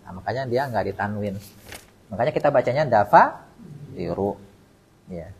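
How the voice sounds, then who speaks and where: Fairly low-pitched, with lively intonation and a moderate pace, a man leads a mosque study session on Arabic grammar. He quizzes students by name and leaves words unfinished for the group to fill in, lecture-style with call-and-response drills. The recording is rough, with slight background noise.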